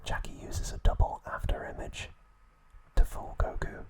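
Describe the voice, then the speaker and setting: As an ASMR host, a man whispers a scripted recap, his voice entirely unvoiced and breathy, with slow and measured phrasing.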